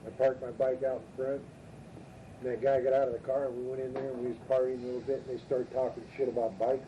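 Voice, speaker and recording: Rauer älterer Mann erzählt derbe Geschichten. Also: male voice, mid-range voice, level tone, fast talker. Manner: rough, profane, drawling delivery. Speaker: storytelling father. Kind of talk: casual rambling storytelling. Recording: muffled distant tape recording, faint hiss.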